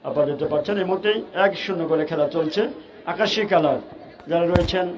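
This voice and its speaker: High-voiced Bangladeshi man, excited football commentary. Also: quick pace, highs cut off, a little hiss or hum. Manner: excited, urgent play-by-play with repeated stock phrases. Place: outdoor football ground.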